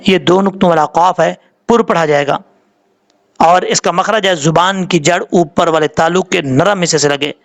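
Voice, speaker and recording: A man's voice: sits high, creaky, a bit bright. A man teaching Quran recitation rules, spelling out letters and vowel marks one syllable at a time and drawing out the recited examples, in a patient, explanatory manner.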